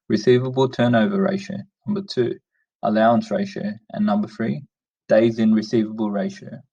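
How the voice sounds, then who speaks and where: Low gravelly man, lo-fi screen-recording voice-over. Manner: steady, plain script reading. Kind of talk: read-aloud screencast narration. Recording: dull lo-fi sound, distant from the mic.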